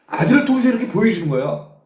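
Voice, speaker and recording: A man's voice, pitched a little high and very lively in its rise and fall, leads a Bible study in plain, conversational speech. He breaks into short acted quotes as he unpacks each verse. The recording carries a noticeable echo from the room. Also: very fast. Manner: explains verses in casual speech, acting out quotes. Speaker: preacher.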